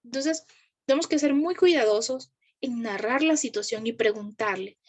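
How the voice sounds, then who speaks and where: A woman's voice: fairly high pitch, moderate pace. A woman speaking to a live group about parenting, asking the audience questions and acting out the voices she quotes. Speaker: parenting educator.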